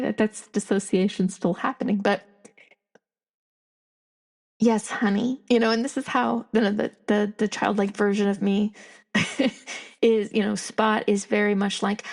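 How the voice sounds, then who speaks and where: Gravelly fifty-something woman musing aloud. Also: medium pitch, darkish tone. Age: 50s. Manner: candid and rambling, with frequent restarts. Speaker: podcast host. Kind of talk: reflective solo monologue.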